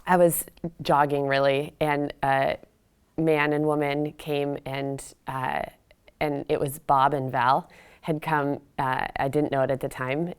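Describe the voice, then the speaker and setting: A woman's voice: low voice, smooth. A woman interviewee who is a runner, telling her story in an earnest, reflective way. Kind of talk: casual recollection in an interview.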